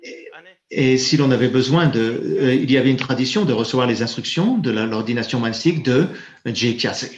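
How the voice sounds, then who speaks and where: A man interprets a Buddhist teaching live, pausing and restarting as he searches for the right words. His voice sits at a middle pitch. The sound is roomy and a little dull, like a lo-fi recording of a hall. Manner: halting and self-correcting, searching for words.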